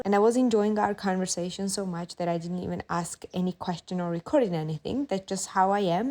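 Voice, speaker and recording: A young woman travel vlogger with a warm, mid-range voice narrates a mountain hike and chats with people she meets, sometimes out of breath. She's talkative and amused at herself, speaking outdoors on the trail and at a guest house.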